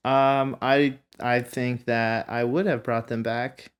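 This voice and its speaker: A man's voice: mid-range voice, slow pace, clear, resonant tone. Laughing man riffing in casual chat. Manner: animated, laughs often, many fillers. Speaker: podcast panelist.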